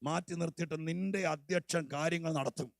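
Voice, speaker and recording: A man preaching a sermon as a pastor. He talks with dramatic swings, climbing from quiet storytelling up to shouted lines, and acts out the voices of people in his stories. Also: a little high, steady tone, fairly quick, vocal fry, dry recording.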